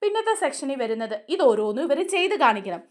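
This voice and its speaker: A woman with a somewhat high-pitched voice is casually recapping a TV drama for her audience. She talks in a chatty way and keeps turning to speak directly to the listener. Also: very animated, a little fast. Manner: chatty, retells scenes and often adds a friendly tag addressed to the listener. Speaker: serial review host. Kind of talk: casual storytelling recap of a TV serial.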